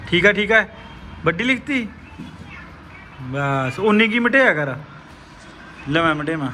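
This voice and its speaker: Bright-voiced Punjabi woman talking to kids. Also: fairly low pitch, expressive, takes it slowly, slight background noise, rough recording. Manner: coaxing, teasing, motherly questioning. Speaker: vlogger filming her children. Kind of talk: casual family vlog, talking to children.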